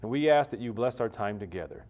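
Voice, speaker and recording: A man's voice: lowish voice, expressive, quick pace, a little mellow. A man hosting an awards ceremony, opening with a prayer and reading out sponsors in a formal manner. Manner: formal, reads sponsor list. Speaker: ceremony emcee.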